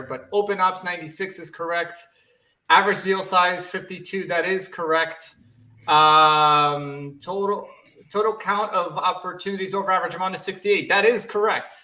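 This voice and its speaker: An excitable man hosts a live online contest and reads each answer aloud as he checks it. His voice is high and bright. The room around him is echoey. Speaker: competition host. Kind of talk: live online competition hosting.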